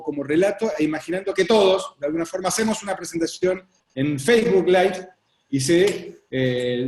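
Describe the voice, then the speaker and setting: A man's voice: high-pitched, a little mellow. A man with a Rioplatense Spanish accent facilitating an interactive online workshop in an effusive, appreciative way. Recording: roomy echo on online call.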